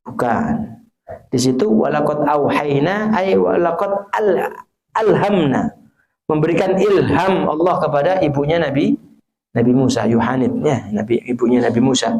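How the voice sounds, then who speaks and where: A high-pitched man with an East Javanese accent delivers a sermon to a live audience. He recites Arabic verses, slips into Javanese, and keeps throwing questions at his listeners. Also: moderate pace, darkish tone, rough recording. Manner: mixes Javanese phrases and Arabic quotations, asks the audience rhetorical questions. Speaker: preacher.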